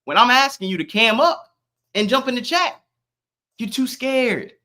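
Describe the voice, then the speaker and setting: Brash high-voiced man ranting on stream. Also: lively intonation, measured pace, bright, forceful tone. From Florida. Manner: brash, confrontational, mocking. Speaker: live streamer. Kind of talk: live-stream rant to chat.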